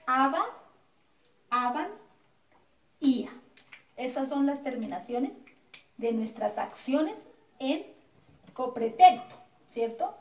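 A woman's voice: high voice, animated, slow, pauses often, recorded from a distance. A woman teacher with a Colombian accent giving a recorded grammar lesson in a classroom, speaking patiently, repeating words and checking with her students. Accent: Colombian Spanish. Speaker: schoolteacher. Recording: echoey room, voice off-mic.

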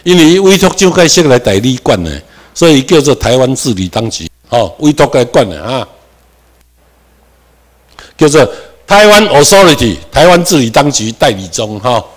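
A man with a Taiwanese accent giving a classroom lecture, moving between Hokkien and Mandarin, dropping in English terms and asking himself questions as he goes. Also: moderate pace. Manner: animated, with sudden rises in pitch and volume for emphasis. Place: lecture room.

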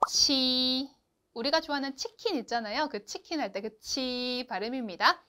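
A woman teaching a beginners' Chinese lesson, explaining clearly and asking the learners to repeat after her. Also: high-pitched, animated, pushed and bright. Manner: slow, clear instruction with drawn-out model syllables; addresses learners directly and asks them to repeat. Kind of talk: online lesson.

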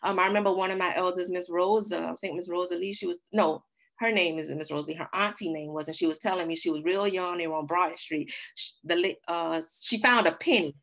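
Woman, low-ish voice, casual storytelling presenter who laughs easily. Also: fairly even intonation, a little fast, a bit bright. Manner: conversational, laughs while telling stories. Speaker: workshop presenter. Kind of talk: casual talk with slides.

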